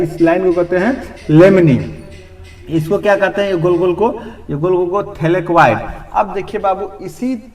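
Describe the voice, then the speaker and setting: Hindi teacher drilling students, echoey room. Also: male voice, a little high. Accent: Bihari Hindi. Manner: drills students with repeated questions, calling them "babu". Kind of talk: classroom lecture at a board. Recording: roomy echo from a distant mic.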